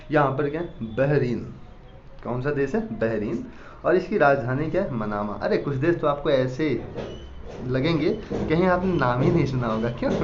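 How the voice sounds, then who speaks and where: A man's voice: mid-range voice, background noise. A man teaching a lesson, who tells little mnemonic stories and keeps asking questions and answering them himself. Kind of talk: classroom lecture with mnemonic stories. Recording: echoey, dull lo-fi room sound.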